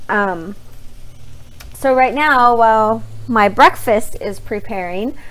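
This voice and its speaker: A woman's voice: on the high side, slight background noise, rough recording. A young woman chatting casually to camera while she cooks and preps meals in her home kitchen, upbeat and talkative with her hands busy. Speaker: vlogger sharing meal prep. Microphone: phone camera propped on a counter.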